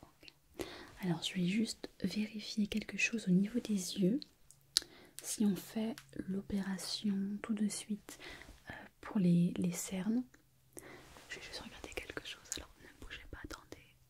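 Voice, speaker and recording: A woman playing a calm, attentive surgeon in a whispered role-play, speaking in a soft, breathy, quiet night-time hush with slow, hesitant musing and gentle instructions. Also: medium pitch. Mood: quiet, focused. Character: calm, attentive surgeon examining a patient's face.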